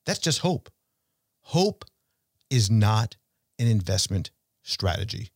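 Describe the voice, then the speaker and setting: Speaking to his audience in an emphatic, conversational way, this financial talk show host and portfolio manager offers investment commentary full of rhetorical questions and deliberate pauses. His pitch sits fairly low but swings widely. The recording is dry and clean, with studio quality.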